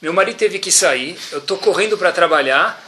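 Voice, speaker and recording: A man voicing a hurried, flustered middle-aged mother who pleads for help. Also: high voice, lively intonation, bright, forceful tone, slight background noise. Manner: rushed and pleading.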